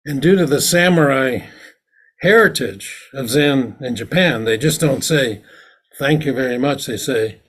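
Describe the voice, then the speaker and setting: A man's voice: mid-range voice, animated, measured pace, a bit bright, slightly rough. A man, a Zen teacher, giving a dharma talk in a meditation hall, explaining ritual plainly and then acting out its lines.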